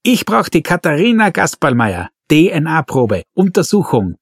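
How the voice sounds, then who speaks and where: A man voicing a gruff, bullying male police colonel in an audiobook reading. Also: fairly high pitch, big pitch swings, unhurried, no echo, voice pushed up, exaggerated voice. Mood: barking.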